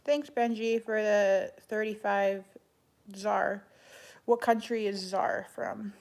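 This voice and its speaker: A woman chatting casually on a livestream as she answers viewers, speaking in a flat monotone with a creaky voice. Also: mid-range voice, slow. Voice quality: creaky vocal fry. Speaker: live streamer answering chat.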